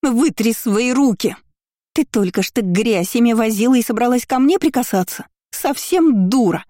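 A woman voicing a spiteful young woman who sneers and mocks in a shrill, high voice. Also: moderate pace, warm tone, dry recording, studio quality, close to an everyday voice. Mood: shrill angry.

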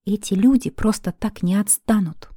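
A sarcastic young woman potion-maker, read by the story's narrator answers with dry irony and blunt orders. The voice is dark and mellow. The recording is close and dry. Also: medium pitch, normal speed, dry recording, lightly acted. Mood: firm. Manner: ironic, dry, commanding.

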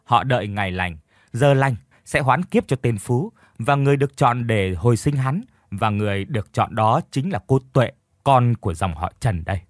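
A man narrating a scripted story in a steady, measured way. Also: medium pitch, no room sound, clean studio sound. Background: faint music.

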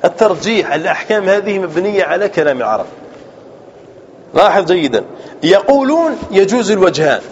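A man's voice: high voice, sing-song, a little fast. A man teaching a grammar class, quizzing his students and repeating key terms as he goes. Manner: asks students questions and answers them, repeats key terms. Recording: dull lo-fi class recording with faint room noise.

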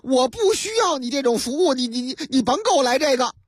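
A woman voicing a flustered young male driver who stammers and protests loudly. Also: high voice, expressive, quick pace, slightly rough, no room sound, clean studio sound. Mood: stubborn.

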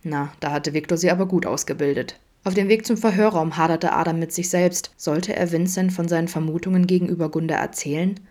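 A woman narrating a fan story as a podfic, steady and measured. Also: on the low side. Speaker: podfic reader. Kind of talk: scripted narration.

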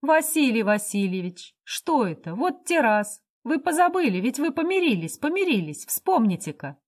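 A woman's voice: high-pitched, sing-song, moderate pace, darkish tone, voice pushed up. A flustered, kind-hearted hostess pleads and reproaches, her voice rising with indignation, as a woman reading a story puts her on. She scolds a rude guest in a storybook reading. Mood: pleading.

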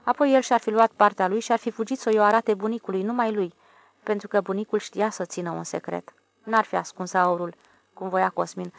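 A woman narrating a literary audiobook in a calm, even storytelling voice. Her pitch sits in a middle range. The recording is close and dry, with no room sound. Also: gravelly, no room sound.

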